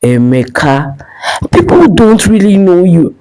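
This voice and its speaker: A woman's voice: on the low side, big pitch swings, measured pace, dark tone. A woman voicing a young woman comforting her friend, tender and tearful.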